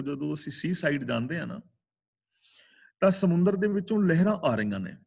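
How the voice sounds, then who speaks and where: Man, scripture teacher, slow chanted verses, word-by-word explanation, slightly high voice. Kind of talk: religious exposition class. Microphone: video call.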